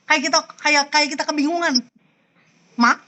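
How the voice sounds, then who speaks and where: A woman with a high, pushed, bright voice speaks fairly quickly over a video call, picked up by a computer mic in a low-quality recording with slight background noise. She teaches Mandarin tones in an online class, patiently demonstrating every sound by example.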